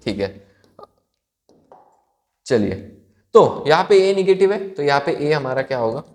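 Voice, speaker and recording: A man's voice: a little high, very animated, measured pace, a little mellow. A young man from India teaching maths in a casual, playful way, posing questions and answering them himself. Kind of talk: casual classroom explanation.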